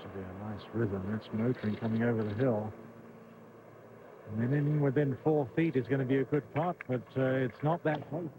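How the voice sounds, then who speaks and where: Male golf commentator, mid-pitched, terse shot descriptions, clearly noisy course ambience. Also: steady tone, moderate pace, phone-quality sound. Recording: clearly noisy outdoor broadcast.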